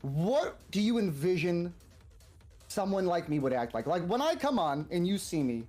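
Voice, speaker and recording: A man's voice: sits high, big pitch swings, moderate pace, darkish tone, soft background music. A man in his thirties with a Boston accent, a streamer casually telling personal stories and often rephrasing himself. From Massachusetts, United States. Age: 30s. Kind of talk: casual chat, personal storytelling.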